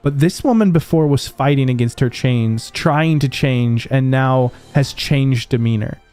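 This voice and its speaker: A man running a tabletop game as game master, narrating in a relaxed way with many pauses and fillers. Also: medium pitch, smooth. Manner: relaxed, many ums and kind-ofs.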